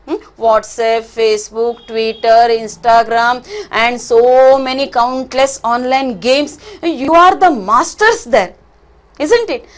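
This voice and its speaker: High-pitched Indian woman teacher, Kannada accent. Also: fairly bright tone. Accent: Kannada Indian English. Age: middle-aged. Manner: emphatic, repeats points, checks in with short questions. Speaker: English teacher. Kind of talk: online lesson explanation, advising students.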